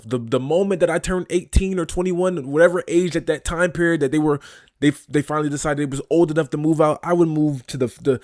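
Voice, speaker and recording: A man's voice: fairly high pitch, no room sound, clean studio sound. A man hosting a reaction video, talking in a casual, incredulous and profane way.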